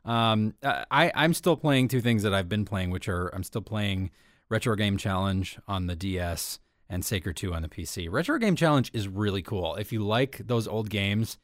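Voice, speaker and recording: A man's voice: on the low side, expressive, normal speed, no echo, clean studio sound. A man co-hosting an entertainment podcast, talking casually and rambling with lots of fillers. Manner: chatty, rambling with many fillers. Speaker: podcast co-host.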